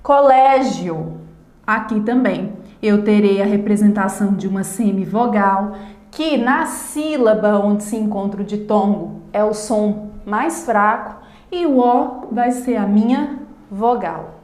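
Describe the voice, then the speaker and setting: A Brazilian woman teacher talks through a grammar lesson at an unhurried pace. She pauses to stress each example word as she explains it. Her voice rings in a roomy, echoey space. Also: medium pitch, a little mellow. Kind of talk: recorded online grammar lesson.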